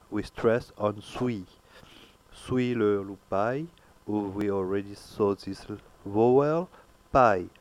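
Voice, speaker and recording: Male teacher, very slow, halting, repeats words, lowish voice. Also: darkish tone. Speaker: language teacher. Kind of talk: pronunciation lesson.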